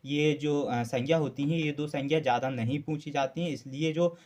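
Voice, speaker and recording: A man's voice: a little high, fairly even intonation, moderate pace, a little mellow. A male Hindi grammar teacher giving a classroom lecture for exam students, asking questions and answering them himself, repeating key terms, with frequent "uh" fillers.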